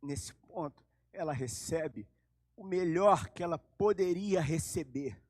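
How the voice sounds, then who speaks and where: A man's voice: on the high side, slow pace, darkish tone, dry recording, studio quality. A man preaching a sermon, telling the story dramatically and with animation. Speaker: pastor.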